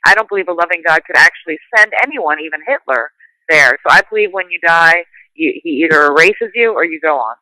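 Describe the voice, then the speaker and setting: Woman, talk host, emphatic, earnest, long run-on sentences, very bright voice. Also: lowish voice, animated, brisk, no echo, poor audio. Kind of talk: casual conversation.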